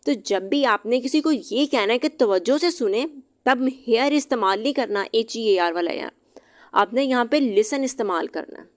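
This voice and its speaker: A woman teaching English vocabulary, reading each English example slowly and then explaining it briskly, sometimes spelling words out letter by letter. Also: on the high side. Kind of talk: vocabulary lesson explained in Hindi-Urdu.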